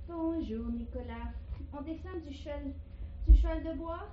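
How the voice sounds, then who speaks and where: Mom baby-talking to her toddler, high and sing-songy, slow, echoey muffled home video. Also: warm tone, a little hiss or hum. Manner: sing-song, coaxing, slow and exaggerated.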